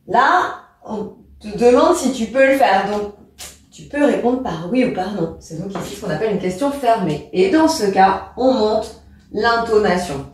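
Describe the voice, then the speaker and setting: A woman's voice: mid-range voice, expressive, normal speed. A woman teacher explaining a lesson, speaking informally to the pupil and acting out rising and falling intonation. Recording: echoey room, distant from mic.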